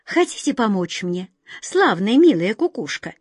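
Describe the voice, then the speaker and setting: A woman voicing a gentle, courteous male wizard who questions things with wonder. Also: mid-range voice, sing-song, unhurried, breathy edge, no room sound, clean studio sound. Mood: polite.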